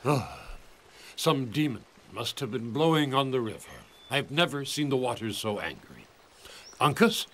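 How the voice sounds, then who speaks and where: A resolute frontiersman hero in a cartoon adventure, voiced by a man. He speaks at a mid pitch with a lively rise and fall. He urges his friends on with firm calls. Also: unhurried, noisy background, lightly acted. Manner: resolute, rallying companions. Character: bold frontiersman hero, adult man, steady.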